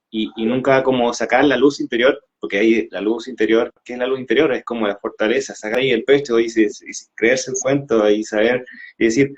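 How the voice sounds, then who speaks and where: Hesitant man, casual live chat, stop-start delivery, muffled lo-fi audio. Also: mid-range voice. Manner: hesitant, many restarts and fillers. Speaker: co-host. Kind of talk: casual conversation on an Instagram live. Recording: dull lo-fi sound.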